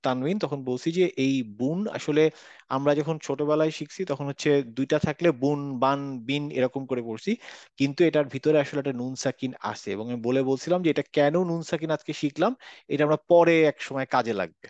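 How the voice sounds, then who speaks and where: Man, Bangladeshi Bengali accent, Quran recitation teacher, patient, repeats examples, slightly high pitch. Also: a little mellow, no echo, highs cut off. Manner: patient, repeats examples slowly, checks students understand. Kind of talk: online class teaching.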